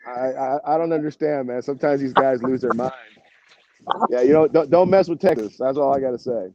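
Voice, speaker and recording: In a casual interview, the American band musician rambles on informally, full of "you know" and "man." His mid-range voice is a little mellow and fairly quick, and the recording has its highs cut off.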